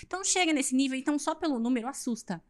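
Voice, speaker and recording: A woman from Brazil, a fitness coach guest on a podcast, talking in an energetic, emphatic, motivational way. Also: high-pitched, racing. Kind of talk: casual podcast chat.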